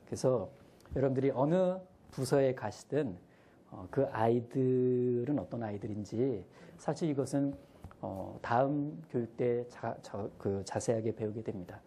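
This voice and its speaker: A man's voice: medium pitch, mellow, husky. A man training church school teachers, telling humorous stories and acting out the children's voices.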